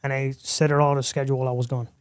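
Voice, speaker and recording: In a casual interview, a man from Miami, Florida, talks very fast while sharing his story and acting out quoted conversations with animation. His medium-pitched voice sounds clean, recorded dry in a clean studio.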